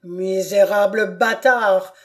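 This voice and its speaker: A woman's voice: medium pitch, unhurried, dark tone, lightly acted. A woman voicing a proud, furious aristocratic father who thunders accusations at his son in an audiobook.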